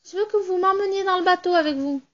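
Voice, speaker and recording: A woman reads out a little rubber doll with a squeaky, chirpy voice, quick and eager to please. She is a clever, polite magic toy from a children's tale. A slightly muffled, lo-fi sound hangs over it.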